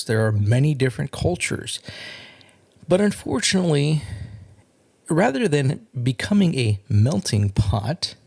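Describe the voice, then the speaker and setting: Earnest man with a gravelly, lively voice. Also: medium pitch. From California. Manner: earnest, measured, with repeated restarts. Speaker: podcast host. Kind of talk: solo political podcast monologue.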